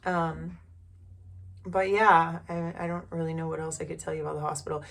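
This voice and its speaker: A woman's voice: low voice, little pitch movement, normal speed, vocal fry, a bit bright. A woman talking candidly to the camera in a casual personal vlog, rambling with many fillers and restarts. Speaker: vlogger.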